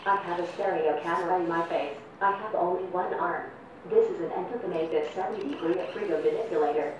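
A computer-generated female robot voice announces each step in a flat, formal and evenly paced way. It sits a little low and is heard from a distance in a very echoey room. Steady noise hangs behind it. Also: fast. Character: service robot speaking to people. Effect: synthetic text-to-speech robot voice. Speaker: service robot. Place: indoor robot test arena.

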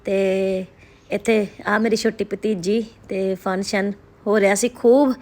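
A woman's voice: mid-range voice, steady tone, a little slow. A woman narrating a vlog casually, talking directly to her viewers. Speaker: vlogger. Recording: very noisy amateur recording. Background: loud ambient noise.

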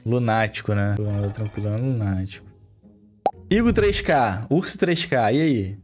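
A man's voice: lowish voice, lively intonation, normal speed, music in the background. A man streaming live, handing out blunt, irreverent snap verdicts full of slang.

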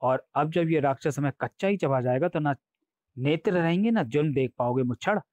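A man's voice: fairly high pitch, fairly quick, darkish tone, no room sound, highs cut off, close to an everyday voice. Man voicing a sly cheeky courtier, wisecracking, dry close sound. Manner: wisecracking and sly, mocking quips. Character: cunning, cheeky male courtier, sly and cowardly.

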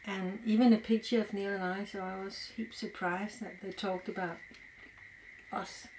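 A woman's voice: mid-range voice, fairly even intonation, moderate pace, a little mellow, slight background noise, poor audio. Danish woman chatting while tasting pastries. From Denmark. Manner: chatty, eating while talking. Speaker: co-host tasting food. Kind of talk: casual chat.

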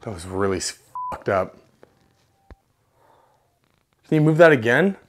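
A man investigating a haunting, jumpy and excitable, swearing when startled in casual ghost-hunting chat. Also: mid-range voice, fairly quick, slight background noise. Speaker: paranormal investigator.

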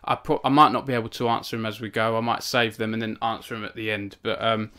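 A man's voice: lowish voice, level tone, fast, sharp tone, clean tone. A young man hosting a casual live stream from his home cabin, rambling with many fillers and self-deprecating asides. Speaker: author hosting a book launch stream.

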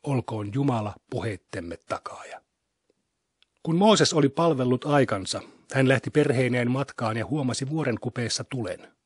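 Husky-voiced man reading scripture solemnly. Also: medium pitch, expressive, no echo, studio quality. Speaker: scripture reader.

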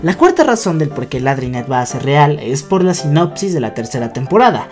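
A young adult man, a YouTuber, speaks straight to his viewers in fan commentary that feels scripted, using a fairly high, sing-song voice at a brisk clip. He's recording indoors in a small bedroom with music playing in the background.

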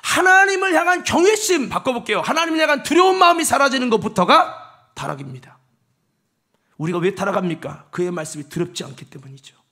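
This is a male pastor delivering a Sunday morning sermon. His voice sits very high for a man and moves animatedly up and down. He hammers his main points with emphatic, raised delivery. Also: expressive, brisk. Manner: emphatic, rising to shouts on key points; acts out short quoted voices. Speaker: senior pastor.

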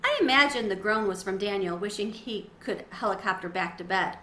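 Reading aloud expressively from a children's book, a middle-aged storyteller brings the dialogue to life with clear phrasing, her bright mid-range voice moving a little fast. The setting is a small sunroom with windows at home, heard through roomy echo and faint background noise.

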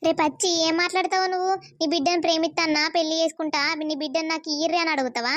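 A furious village mother, voiced by a woman scolds in a high, rapid voice. Her cartoon lines are reproachful and come close and dry, with little room sound. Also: steady tone, a bit bright, no room sound. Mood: scolding. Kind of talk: cartoon voice acting.

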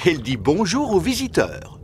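A woman's voice: fairly low pitch, huge pitch swings, moderate pace, very noisy. A woman playing a cheerful storybook narrator of a children's cartoon, reading scripted lines. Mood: bright, informative. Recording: loud music behind the voice.

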